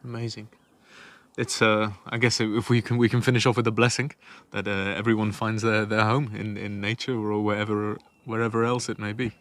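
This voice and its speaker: A man hosting a podcast conversation outdoors, with a fairly low voice. He laughs often and keeps up a stream of short, warm replies as his guest talks. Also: level tone. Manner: friendly, laughs often, quick encouraging replies. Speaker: podcast host. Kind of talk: casual interview. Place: outdoors on a walking trail.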